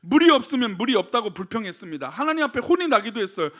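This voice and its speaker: A man's voice: very high-pitched, very animated, very fast, a bit bright. A middle-aged male pastor giving a conversational sermon, often putting questions to the congregation.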